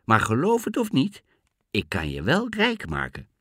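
A man's voice: wildly swooping pitch, measured pace, a bit bright, dry recording, clean studio sound, heavily acted. A man voicing a cunning, bossy talking cat in boots in a storybook reading. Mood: scheming. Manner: high, pushy, commanding.

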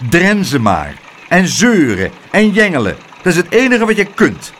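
A gruff storybook weatherman who growls and snaps at a naughty child, as a male reader puts him on. His voice swings widely and turns loud and sharp when he scolds, with a faint hum of noise behind him. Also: sits high, big pitch swings, normal speed, pitched above the performer's own voice. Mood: scolding. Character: gruff grown man, the stern weatherman.

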